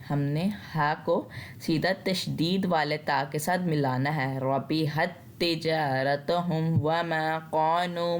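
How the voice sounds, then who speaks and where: A woman's voice: sits low, a little hiss or hum. A woman with a Pakistani Urdu accent teaching Quran recitation rules patiently, step by step. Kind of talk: tajweed lesson with recitation.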